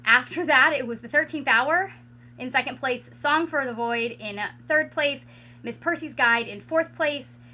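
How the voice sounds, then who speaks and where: A woman with a hoarse, raspy voice after losing it to illness, chatting casually at home as a book reviewer, rambling with many fillers and restarts. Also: high voice, a little slow, sharp tone. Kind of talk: casual vlog chat. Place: at home with a ring light.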